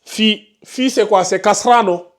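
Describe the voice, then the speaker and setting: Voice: medium pitch, measured pace. A Quran recitation teacher leading a class, patiently questioning students by name and correcting their reading.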